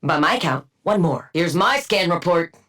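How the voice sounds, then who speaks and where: Playing a cool female scientist villain in a video game, this actress has a lowish, expressive voice with a touch of brightness and a normal pace. Her combat barks are precisely enunciated, clinical and condescending, dryly witty, smug and deadpan.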